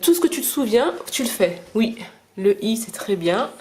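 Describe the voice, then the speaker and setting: A woman's voice: a little high, expressive, darkish tone. A mother filming at home, teaching her children and explaining her lessons in a casual, hesitant way. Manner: hesitant, fills pauses with "euh"; patient, encouraging with the children.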